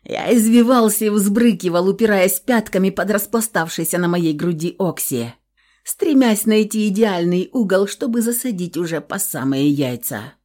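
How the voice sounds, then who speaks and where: A woman narrating a first-person audiobook in an even, measured reading. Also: mid-range voice.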